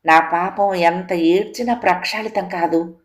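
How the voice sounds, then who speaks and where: A woman's voice: fairly low pitch, steady tone, unhurried, close to an everyday voice. A woman reading the lines of a grieving young woman who pleads through tears in an audio story. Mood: tearful pleading. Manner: tearful, pleading, poetic.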